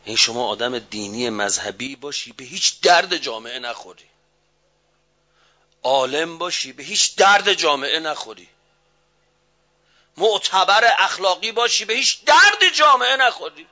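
Man, sermon, high and very bright, low and slow to loud shouting, dull lo-fi sound. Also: animated. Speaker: cleric preacher. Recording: dull, muffled recording.

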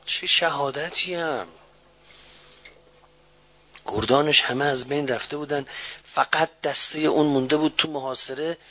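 Man, sermon, high and very bright, low and slow to loud shouting, dull lo-fi sound. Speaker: cleric preacher. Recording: dull, muffled recording.

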